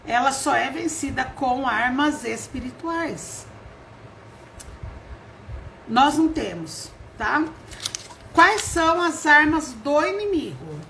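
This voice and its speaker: A woman's voice: sits high, a bit bright, slight background noise. A middle-aged woman with a Brazilian Portuguese accent preaching an informal sermon, chatty and storytelling, acting out quoted voices and laughing often.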